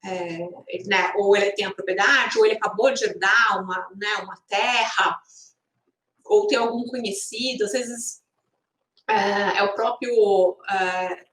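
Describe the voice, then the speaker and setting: A woman's voice: mid-range voice, unhurried, fairly bright tone. A Brazilian woman hosting an informal explanatory live stream, speaking conversationally with frequent tag questions. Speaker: live stream host and instructor. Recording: echoey room sound.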